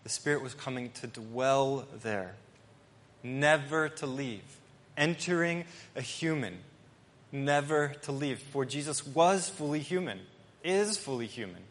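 A male pastor preaching an earnest, emphatic sermon with pauses and restarts. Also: mid-range voice, lively intonation. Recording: long hall reverb.

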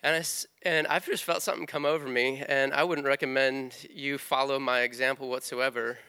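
A man telling a lively testimony story during a sermon, with frequent restarts. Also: mid-range voice, a little fast, smooth.

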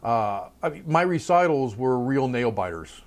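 A middle-aged man, a trumpet player and college professor, talking through his career in a relaxed interview, thoughtful and chatty with many asides. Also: mid-range voice, normal speed.

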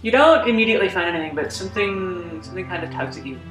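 A game master narrating a tabletop game, dropping details slowly and suggestively with small hesitations. The voice sounds echoey, as if in a bare room, with faint music behind it. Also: medium pitch, expressive, a bit bright.

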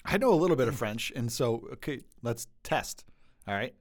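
Laughing, animated pastor. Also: male voice, mid-range voice, moderate pace. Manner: animated storyteller who laughs often. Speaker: pastor and podcast host. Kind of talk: casual podcast chat.

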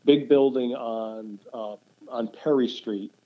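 A man's voice: mid-range voice, fairly even intonation, takes it slowly, narrow, tinny audio. An older man, telling stories in a casual interview, rambling and restarting his sentences often. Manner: rambling, with many restarts and fillers. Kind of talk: casual storytelling.

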